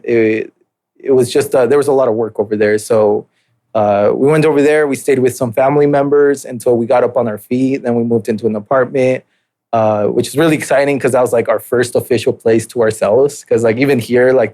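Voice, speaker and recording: Medium in pitch and mellow, this is a man in his late twenties sharing his life story as a podcast guest. He was born in Mexico, grew up in southern California and Utah, and tells it the way people do in a casual interview: laid-back, hesitant, and full of fillers and restarts.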